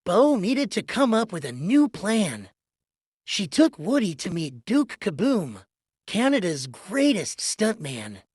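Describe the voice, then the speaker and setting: A woman's voice: mid-range voice, sing-song, slow pace, darkish tone, husky, dry recording, studio quality. A woman narrating a children's read-along storybook in a scripted storytelling style. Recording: music behind the voice. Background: music.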